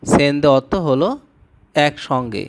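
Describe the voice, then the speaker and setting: A man who speaks Bengali as his first language, giving a scripted language lesson and slowly repeating each word with its meaning. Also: medium pitch, gravelly, a little hiss or hum. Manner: slow, repetitive word-by-word drilling. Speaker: language teacher.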